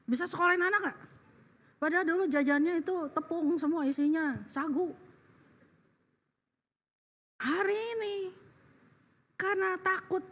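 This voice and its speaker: A woman preaching a sermon in a blunt, emphatic way, dropping English phrases into her talk. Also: high-pitched.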